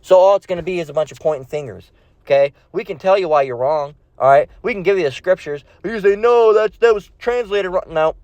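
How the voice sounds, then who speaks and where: Speaking a little fast in a high voice with a darkish tone, a street-style preacher offers an impromptu sermon and reads scripture. His manner is confrontational, blunt, and slangy, with frequent repetition and tag questions such as "okay?" and "all right?" The lo-fi recording is dull and dry, with no echo.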